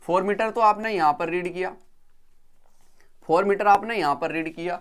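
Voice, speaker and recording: A man teaching engineering drawing in a recorded video lecture. He repeats each step, counts slowly as he draws, and checks that students are following. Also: high-pitched, smooth.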